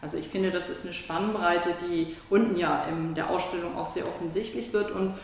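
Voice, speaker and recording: Nachdenkliche Frau in hallendem Raum. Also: female voice, on the low side, steady tone, normal speed. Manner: thoughtful, searching for words. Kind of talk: reflective conversation. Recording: echoey hall with faint noise.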